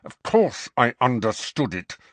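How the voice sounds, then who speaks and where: Man voicing Professor McGonagall, stern high-pitched older woman. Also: very animated, normal speed, fairly bright tone, no echo. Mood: icy, exasperated. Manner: clipped, curt, through gritted teeth when provoked.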